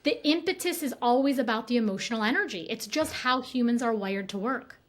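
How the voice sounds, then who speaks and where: Emphatic woman guest, higher voice. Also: lively intonation, fairly quick. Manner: emphatic, earnest, speeds up in bursts. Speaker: guest consultant on workplace neuroscience. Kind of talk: casual interview conversation.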